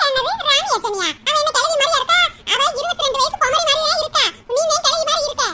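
A woman voicing a quick-tempered old village grandmother in a cartoon, scolding and hurling insults. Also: very high voice, heavy background noise. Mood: angry. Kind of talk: cartoon voice acting.

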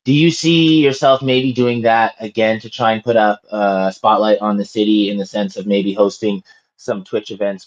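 A man with a low voice asks long, careful questions in an online voice room, hedging as he goes. The sound is dull and lo-fi. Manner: measured, hedging questions with "kinda" and "maybe". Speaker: chat room moderator asking questions. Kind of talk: casual audio chat room questioning. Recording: dull lo-fi audio.

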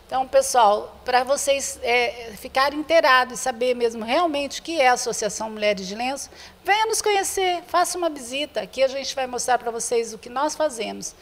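Interviewed in an indoor room with bare walls, an older Brazilian woman who presides over an association urges the public to come to a charity event. Her fairly high voice is expressive and a little fast, and she earnestly repeats points to viewers. The handheld reporter's microphone in front of her picks up noticeable room reverb.

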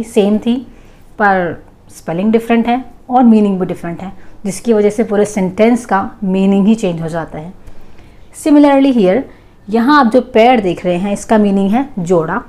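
A woman teaching a grammar lesson, explaining in Hindi and reading English example sentences out slowly. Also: mid-range voice, mellow.

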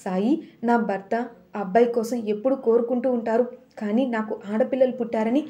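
Woman doing a tearful pleading mother, desperate, storybook, mellow. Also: on the high side, steady tone, moderate pace, dull audio, close to an everyday voice. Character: weeping desperate young mother.

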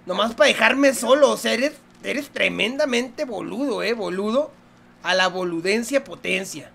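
A young man with a Mexican accent, commenting on a horror game in a joking, profane, excitable way. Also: high-pitched, unhurried, vocal fry. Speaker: gaming youtuber.

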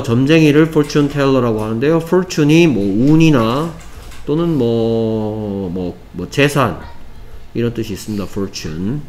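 A man's voice: medium pitch, darkish tone. Male English teacher, patient and repetitive, vocabulary lesson, faint room noise. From South Korea. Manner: explains step by step, repeats words, says "okay" often.

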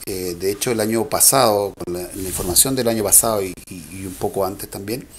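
A man's voice: lowish voice, fairly quick, a little hiss or hum. A man, an electricity regulator official, explaining technical matters in an interview with fillers and self-corrections.

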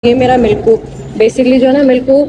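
In this low-quality clip, a young female vlogger talks casually right to camera while walking around her home and kitchen, phone at arm's length. Her voice sits high and warm, delivered flatly and a little fast. A faint hiss or hum runs through the recording.

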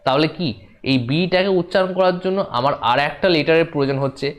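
A man giving a demo class to students, explaining slowly and repeating each point as he speaks to them directly. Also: on the high side. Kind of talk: classroom lesson.

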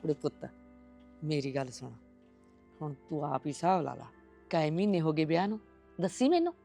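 An actress playing a stubborn mother-in-law who wants a grandson, with a loud scolding Punjabi way of talking. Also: mid-range voice, lively intonation, a little fast, soft background music, lightly acted. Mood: coaxing. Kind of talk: village family drama acting.

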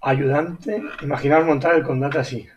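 A man giving casual gameplay commentary, excitable, repeating exclamations and squealing high when amazed. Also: moderate pace, muffled recording, a little hiss or hum. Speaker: gaming YouTuber.

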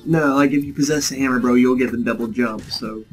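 A man's voice: mid-range voice, fairly even intonation, quick pace, soft background music. A young man giving casual gameplay commentary as co-host, explaining tips with hesitant restarts. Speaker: let's play co-host.

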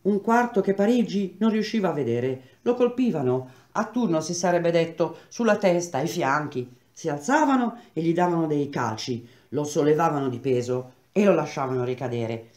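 A woman reading a novel aloud in a steady, measured storytelling voice. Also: sits low. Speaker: reader. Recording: roomy echo.

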